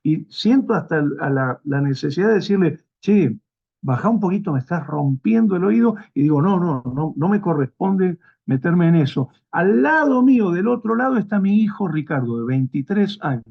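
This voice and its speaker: A man's voice: high voice, sing-song, normal speed, gravelly, husky, highs cut off. A middle-aged man with a Rioplatense Spanish accent, lecturing at a seminar and telling a personal anecdote, acting out the dialogue in different voices. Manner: storytelling, acts out dialogue in varied voices. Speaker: guest lecturer.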